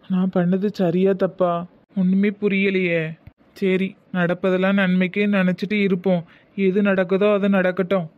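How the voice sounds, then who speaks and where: A man with a Tirunelveli Tamil accent voicing a worried middle-aged village father in a cartoon, talking softly as he questions himself, with a tinny phone-like sound. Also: high voice, completely flat delivery, moderate pace, no echo, close to an everyday voice. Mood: troubled. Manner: soft, brooding self-questioning. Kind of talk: cartoon voice acting.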